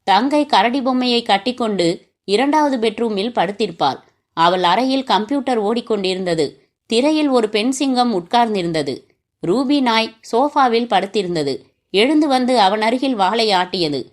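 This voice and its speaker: Higher-voiced woman reading a crime story. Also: animated, normal speed. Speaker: audiobook narrator. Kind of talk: scripted narration of a crime novel.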